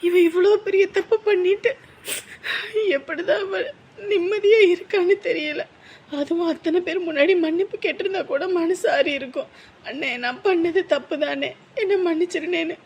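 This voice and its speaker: An actress playing a young wife who grieves in a quavering, tearful voice. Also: female voice, very high voice, normal speed, darkish tone, muffled recording. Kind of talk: TV drama acting.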